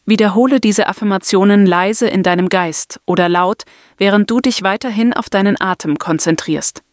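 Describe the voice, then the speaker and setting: A woman narrating a scripted guided meditation and affirmations in a soft, soothing, deliberate manner. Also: medium pitch, no echo, clean studio sound.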